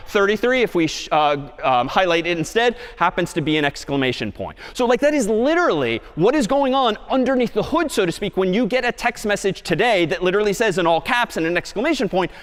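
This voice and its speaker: A man giving a university lecture on stage, lively and often putting questions to the audience. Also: high voice, fairly quick, hardly any pauses. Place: large lecture hall stage. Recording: long reverb of a lecture hall.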